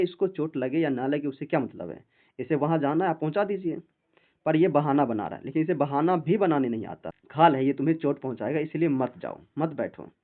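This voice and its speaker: A male English teacher works through a story line by line, reading the English slowly before explaining each word in Hindi. His voice sits a little high and swings a lot in pitch. The sound is narrow and tinny, like a phone line.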